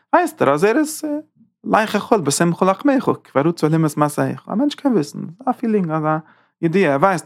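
Gravelly, animated male Torah teacher. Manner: animated, with sudden leaps in pitch. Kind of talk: lively Torah class lecture.

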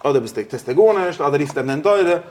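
A man with a fairly high voice leads an interactive religious study class. He keeps questioning his students and drops English phrases into his explanations. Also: lively intonation, fast talker, crowd noise. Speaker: religious teacher.

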